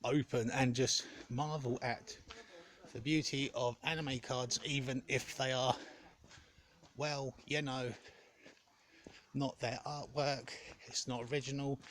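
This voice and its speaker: A man giving a casual, rambling vlog update in a hesitant, halting way, often correcting himself. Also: mid-range voice, flat delivery, fairly bright tone. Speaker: gaming content creator.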